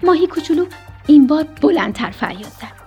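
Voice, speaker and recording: A woman narrates a children's tale in an expressive, high-sitting voice, sometimes sinking to a whisper when the story gets tense, over gentle background music.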